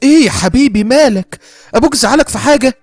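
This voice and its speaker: A man's voice: very high voice, expressive, no echo, studio quality, faint music behind, pitched above the performer's own voice. A man voicing a long-suffering middle-aged Egyptian mother who is bitter but devoted, speaking with an Egyptian Arabic accent in emotional, pleading bursts. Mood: soothing. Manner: emotional, pleading, rapid outbursts. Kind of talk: horror story narration.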